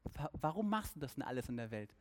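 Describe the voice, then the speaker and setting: A man voicing a threatening male rebel leader who speaks in a lowered, demanding voice. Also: very animated, fast, lightly acted. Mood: bewildered.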